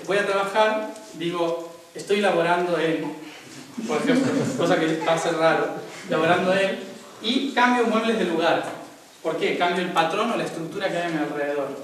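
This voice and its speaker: Young man, spiritual talk, slightly high voice, recorded far off in a big echoing room. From Argentina. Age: young adult. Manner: explains step by step, often checking in with "¿sí?". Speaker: spiritual speaker. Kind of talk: spiritual talk to a live audience. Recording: very echoey room, mic far off.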